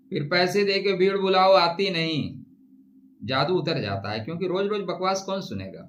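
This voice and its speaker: A man giving a monthly horoscope talk, emphatic with dramatic pauses, slowly reciting Sanskrit verses and rhymes. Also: a little high, a bit bright. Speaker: astrologer. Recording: echoey room with faint noise.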